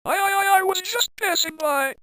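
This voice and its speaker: A man voicing Donkey, an excitable, panicky and sly talking donkey, in a comic story reading. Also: extremely high pitch, moderate pace, a little hiss or hum, pitched above the performer's own voice. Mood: nervous. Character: frantic, randy talking male donkey, squeaky and sly.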